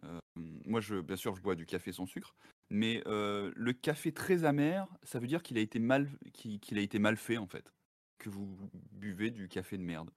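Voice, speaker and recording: A man with a fairly low voice chats casually as a guest on a live stream. He laughs often and keeps dropping English words into his sentences. The sound is dry and close, with no room around it. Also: animated, normal speed, no echo.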